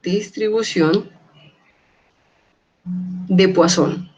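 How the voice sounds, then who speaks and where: A woman teaching a university class over a video call. She repeats key terms slowly and keeps asking her students if they follow. The audio is slightly dull and muffled. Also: medium pitch, a little mellow, slightly rough, faint music behind. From Colombia. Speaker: university lecturer. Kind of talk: online class lecture.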